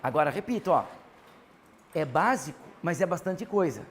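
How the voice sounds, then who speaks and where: A man with a Brazilian Portuguese accent teaching a grammar class, animated and constantly prompting his students to answer. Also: a little high, moderate pace, slight background noise.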